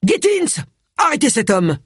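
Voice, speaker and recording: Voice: mid-range voice, animated, a little fast, no room sound, studio quality, close to an everyday voice. A narrator doing a barking grumpy police inspector. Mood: gruff, irritated. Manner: barking, curt. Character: grumpy tall police inspector, man, middle-aged.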